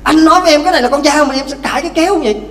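A man's voice: very high-pitched, fast talker, pitched above the performer's own voice. A man voicing a hot-tempered blacksmith husband who keeps angrily demanding an answer, in an echoey hall. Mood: angry. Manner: angry, demanding, shouting. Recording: echoey temple hall, faint hum.

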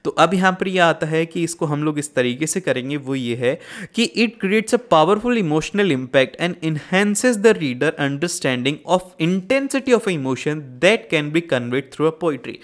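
A man teaching an exam prep lesson to students. He explains in Hindi mixed with English terms and reads answer passages aloud slowly. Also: a little high, lively intonation. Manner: addresses students directly, asks for comments.

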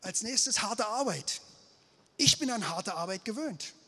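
High-voiced man telling stories on stage. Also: a little slow, slightly rough. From Berlin. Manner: lively, gesturing, self-mocking asides. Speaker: speaker at a failure-story night. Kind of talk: storytelling talk on stage. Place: indoor event stage before an audience. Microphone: handheld microphone. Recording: long hall reverb of an event space.

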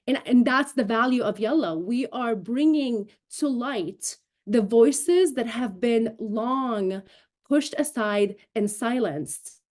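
A broadcast journalist and show host in her thirties speaks slowly in a fairly high, darkish voice. Originally from Syria and raised in Damascus, a native Arabic speaker, she is an interview guest on a video call from an indoor room, explaining emphatically and articulately in a remote news interview.

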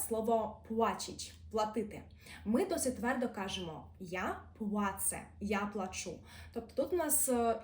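A woman teaching a grammar lesson, reading example words slowly and carefully. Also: on the high side, darkish tone. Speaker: language teacher. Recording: echoey room.

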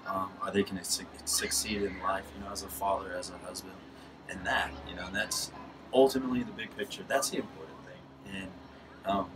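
A man in his thirties, a high school baseball coach, talking casually in a postgame interview from a press box, with many restarts. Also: fairly even intonation, brisk, over music. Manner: casual, rambling with restarts and laughs. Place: press box above a lit ballfield at night. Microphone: headset mic. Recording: distant mic with background noise.

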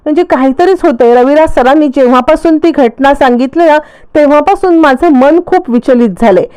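A woman's voice: sits high, fairly quick, a little mellow, no echo, close to an everyday voice. A woman voicing Sayali, an anxious, distressed young woman in a retold serial scene, speaking urgently.

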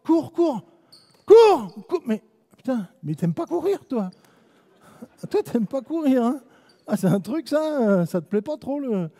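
A man with a French accent leads a live basketball clinic in an indoor gym, barking brief commands and joking with players, the sound ringing with the gym's long echo. His very high-pitched voice is mellow and highly animated, yet unhurried.

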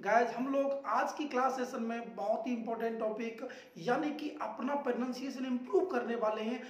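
A man teaching English pronunciation in an energetic lesson, drilling words loudly and repeating them so viewers say them along. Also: extremely high pitch, normal speed. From India. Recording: very echoey room, mic far off.

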